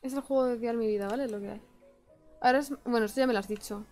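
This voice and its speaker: Young woman, Spain Spanish accent, higher voice, exasperated self-mocking game commentary, faint background music. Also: racing, darkish tone. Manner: self-mocking, exasperated, frequent laughs and outbursts. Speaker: gaming streamer. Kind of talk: casual let's play commentary.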